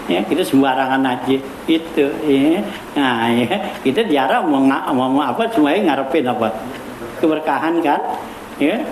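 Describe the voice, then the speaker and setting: A man giving an informal religious study lecture, talking casually with many fillers and chuckles. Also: mid-range voice. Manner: casual, repetitive fillers, chuckles while teaching. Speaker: cleric teaching a weekly religious study circle. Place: prayer hall. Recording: echoey hall with background noise.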